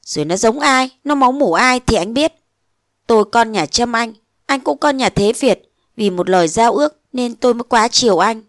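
A woman voicing an eighteen-year-old girl who pleads and reproaches her lover, rising to shrill protest. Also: normal speed, dry recording, studio quality, close to an everyday voice. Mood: indignant. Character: young woman of eighteen, tearful and indignant.

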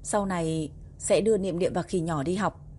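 A woman voicing a stubborn, playful young wife in a romance audiobook, in a low, mellow tone. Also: moderate pace, slight background noise, natural voice. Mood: tender. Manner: playful, teasing.

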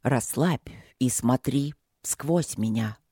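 A reader voicing a calm, wise male dragon lord who speaks slowly and soothingly, in an audiobook. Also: mid-range voice, breathy edge, dry recording, studio quality, pitched below the performer's own voice. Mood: serene. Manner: slow, even, soothing.

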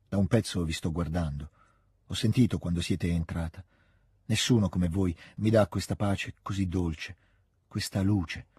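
A man reading the lines of a dying, wounded young prince, speaking softly and tenderly. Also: low voice, husky, dry recording, clean studio sound, pitched below the performer's own voice, heavily acted.

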